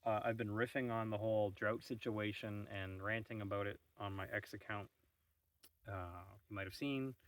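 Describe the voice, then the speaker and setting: A man's voice: fairly low pitch, steady tone, moderate pace, dry recording, recorded from a distance. A man hosting a casual morning vlog, musing and rambling with wry asides while sitting outdoors on a shady farm terrace. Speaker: vlog host.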